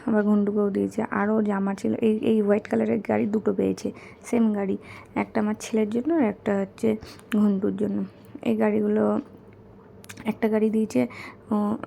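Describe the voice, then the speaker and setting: Hoarse young woman vlogger, soft casual gift chat, gravelly, flat delivery, faint background noise. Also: medium pitch. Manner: speaking softly because her son is asleep. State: hoarse, her throat is bad. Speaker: vlogger showing gifts.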